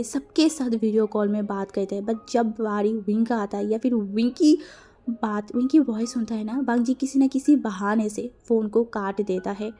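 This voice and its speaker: A woman narrates a fan-written story in a relaxed, chatty way and slips English words in as she goes. Her voice sits a little high and sounds soft and mellow. Quiet music plays underneath.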